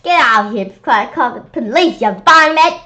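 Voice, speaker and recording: A woman voicing a fiery older woman inventor who yells folksy insults at an intruder, on a dull lo-fi recording. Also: a little high, expressive, a little fast, pitched above the performer's own voice. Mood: angry. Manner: yelling, folksy.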